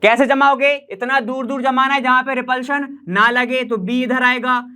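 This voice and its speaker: A man's voice: very high-pitched, fairly even intonation, bright, forceful tone, clean tone. Chatty male teacher checking in often. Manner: keeps checking in with students, repeats key terms slowly; casual and chatty, explains while drawing on a board. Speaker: chemistry teacher. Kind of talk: online classroom lecture.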